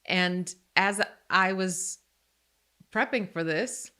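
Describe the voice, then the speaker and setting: A woman in her forties, originally from Croatia, hosts a casual podcast chat. Her voice sits a little low but sounds bright and forceful. She talks candidly and pokes fun at herself. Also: takes it slowly, clear, resonant tone. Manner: candid, self-deprecating and joking. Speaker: podcast host.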